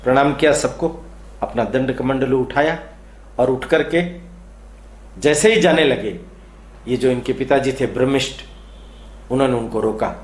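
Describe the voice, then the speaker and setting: A man's voice: medium pitch, measured pace, pauses often. A man retelling an ancient epic dramatically and acting out its characters, recorded in an echoey room. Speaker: storyteller. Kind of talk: devotional epic storytelling.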